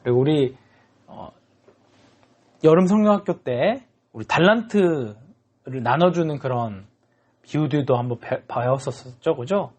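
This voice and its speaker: A husky, high-pitched man preaches to a children's group, his voice swinging up and down as he tells a story. He keeps stopping to check in with the kids, keeping the talk animated and interactive. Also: a little slow, pauses often.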